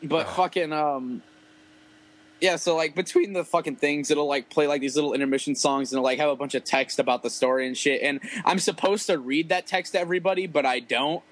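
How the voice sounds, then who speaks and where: A man's voice: a little high, a little fast, rough recording. A man casually telling a rambling, profane story about playing a show with his rap group, full of fillers.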